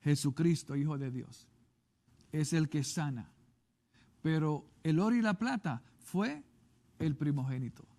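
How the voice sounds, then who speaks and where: Male pastor with a Puerto Rican accent, high voice, emphatic, repetitive TV sermon delivery. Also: lively intonation, unhurried, pauses often, dark tone. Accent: Puerto Rican Spanish. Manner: emphatic, repeats and urges listeners to read scripture. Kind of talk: televised sermon.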